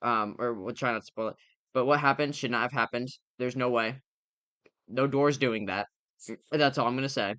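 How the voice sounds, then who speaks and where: A young man chats through his recent movie picks as a podcast co-host, opinionated and rambling with plenty of fillers. His voice is bright and crisp. It sits close and dry on the mic. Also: mid-range voice, moderate pace, dry recording, lo-fi sound. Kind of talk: casual movie review chat.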